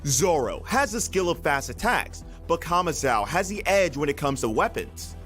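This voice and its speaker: A man with a slightly high voice delivers scripted countdown narration. His pitch moves around in a lively way from phrase to phrase, and music plays clearly behind him. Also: moderate pace. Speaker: narrator of an anime countdown video.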